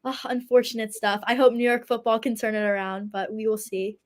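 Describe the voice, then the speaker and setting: A teenage girl hosting a school sports talk show, quipping and punning, her voice squeaky and strained. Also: steady tone, a little fast. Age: teens. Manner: playful, punning sports quips. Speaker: host.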